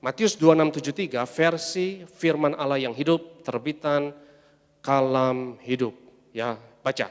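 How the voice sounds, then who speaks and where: A man's voice: mid-range voice, unhurried, clean tone, big-room sound. A man preaching a sermon as pastor, emphatic, calling on the congregation to answer back. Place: large church hall.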